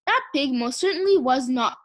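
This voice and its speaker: A woman's voice: sits high, animated, normal speed. A woman playing a ponderous, pompous policeman. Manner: ponderous, repeats himself. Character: pompous, slow-witted male police officer.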